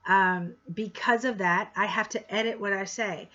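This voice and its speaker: A woman's voice: medium pitch, fairly even intonation, normal speed, sharp tone, muffled recording. A woman instructor giving a course introduction in a frank, direct way with sarcastic asides. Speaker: college instructor.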